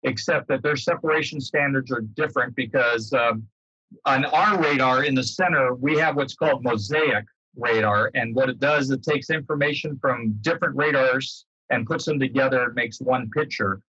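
An older American guest speaker with an air traffic control background gives a relaxed explanation by video call, often rephrasing himself. His medium-pitched voice is sharp and breathy-edged, at a moderate pace. The setting is a book-lined room at home, captured by a computer mic with dull, roomy, lo-fi quality.

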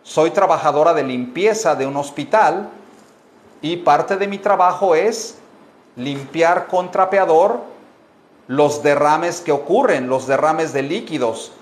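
Slow, patient male English teacher. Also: fairly high pitch, lively intonation. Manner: repeats phrases slowly, explains in Spanish. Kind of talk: bilingual language lesson. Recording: echoey room.

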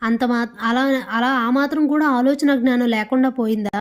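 A woman's voice: a little high, brisk, close to an everyday voice. A woman voicing a defiant young pregnant wife who speaks in a firm, indignant manner.

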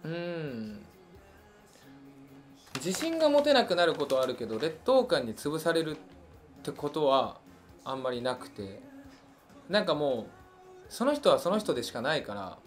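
A man's voice: on the high side, moderate pace, pauses often, faint music behind. A young man from Hiroshima with a Hiroshima accent, a singer hosting a fan livestream and chatting casually as he answers listener questions, musing aloud with frequent fillers. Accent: Hiroshima Japanese. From Hiroshima, Japan. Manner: relaxed and chatty, muses aloud with many fillers.

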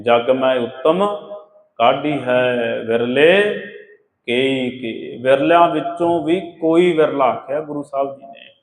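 A man giving a sermon on scripture, asking rhetorical questions and chanting verses slowly. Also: mid-range voice. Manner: addresses listeners as beloved ones, rhetorical questions, chants scripture lines slowly. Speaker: katha preacher. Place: gurdwara hall. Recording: echoey hall with long reverb.

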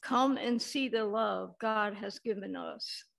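A woman worship leader at a pulpit microphone in a church sanctuary, leading a responsive call to worship in measured, formal phrasing. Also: medium pitch, vocal fry.

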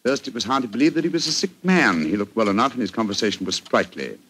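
An actor playing a genial, pompous, bumbling English doctor with a British accent in a 1940s radio drama. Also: male voice, on the low side, lively intonation, fast, fairly bright tone. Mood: storytelling. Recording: noisy 1940s radio recording.

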